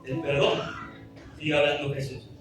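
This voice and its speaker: A man's voice: mid-range voice, completely flat delivery, normal speed. A man preaching a sermon, reading scripture aloud in an earnest, pleading way. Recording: echoey room, distant mic, music behind.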